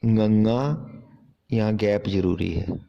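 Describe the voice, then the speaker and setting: A man's voice: lowish voice, steady tone, slow pace, gravelly, highs cut off. A man teaching how to write letters step by step, carefully pointing out common mistakes and repeating corrections. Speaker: Punjabi writing teacher. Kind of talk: step-by-step handwriting lesson.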